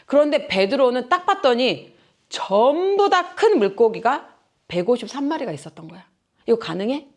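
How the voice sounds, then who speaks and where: Woman preacher, chatty and animated, keeps asking the congregation questions. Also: fairly high pitch, moderate pace. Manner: lively, questioning the audience, plain speech. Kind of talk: casual sermon to children and youth.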